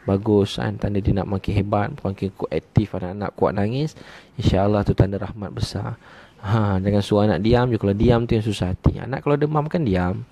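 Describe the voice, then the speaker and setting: A Malaysian man preaches in a live question-and-answer session. His voice is low, gravelly and mellow. He talks gently and repeats his phrases in a drawn-out, pleading way. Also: fairly even intonation. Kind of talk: live-streamed Q&A sermon.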